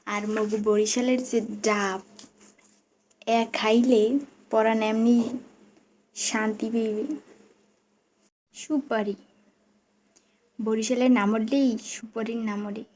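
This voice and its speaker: A woman's voice: on the high side, flat delivery, takes it slowly, pauses often, darkish tone, slight background noise. A young woman with a Barishal Bengali accent, playfully teaching local dialect words in a casual vlog. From Barishal, Bangladesh. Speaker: vlogger. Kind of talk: casual vlog, showing around home.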